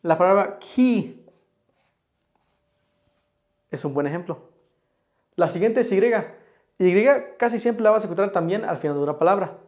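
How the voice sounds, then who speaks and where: Man, English teacher, high voice, patient step-by-step explanations. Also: expressive, normal speed, long pauses, a little mellow. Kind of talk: explaining an online pronunciation lesson.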